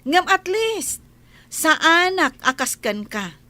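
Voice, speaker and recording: In a very high, very animated, slow voice with a bright, forceful tone, a woman with an Ilocano accent plays an outspoken, devout village woman scolding gossips in a radio comedy-drama. Her heavily acted delivery is preachy and emphatic, with no room sound.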